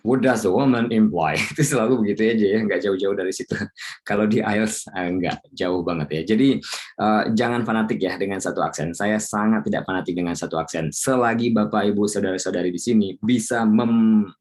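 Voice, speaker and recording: A man's voice: on the low side, fairly quick, darkish tone. A man teaching an IELTS class, chatting casually, dropping English terms into his explanations and laughing often. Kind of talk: casual online lesson.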